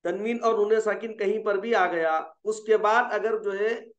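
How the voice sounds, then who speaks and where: A man's voice: sits high, fairly even intonation. A man teaching Quran recitation rules, explaining patiently and stopping often to ask whether students have understood. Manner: explains patiently, asks checking questions, slows for drawn-out examples. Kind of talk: online tajweed lesson. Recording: dull, echoey room sound.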